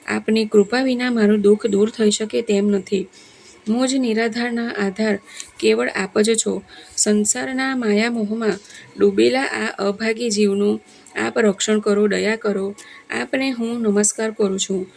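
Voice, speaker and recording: A woman's voice: mid-range voice, fairly even intonation, measured pace, vocal fry, a little mellow, rough recording. A woman reading a dying old sage's prayer. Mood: pleading. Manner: devout, imploring recitation. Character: dying old male sage pleading to God.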